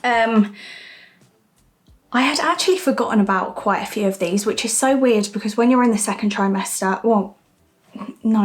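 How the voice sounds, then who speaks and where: A young woman talking casually to camera for her vlog, chatty and candid with little asides, audibly out of breath. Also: mid-range voice. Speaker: vlogger.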